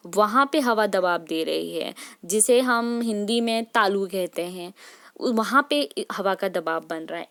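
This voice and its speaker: A woman teaching a class of children, patient and encouraging. She keeps checking in with her pupils and has them repeat sounds aloud after her, and her voice sits in a middle pitch. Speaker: Hindi teacher. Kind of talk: classroom lesson.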